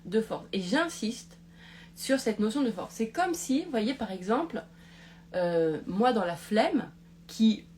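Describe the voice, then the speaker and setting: A woman's voice: fairly high pitch, lively intonation, takes it slowly, darkish tone, a little hiss or hum. A woman hosting a live talk, rambling with many restarts and checking in with "d'accord?". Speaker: podcast host. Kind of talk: casual live-stream talk.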